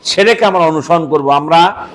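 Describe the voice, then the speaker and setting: A man's voice: fairly high pitch, moderate pace, fairly bright tone, slight background noise. A man with a Bangladeshi Bengali accent preaching a sermon in a scolding, emphatic way, stacking repeated phrases. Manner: scolding, emphatic, repetitive lists.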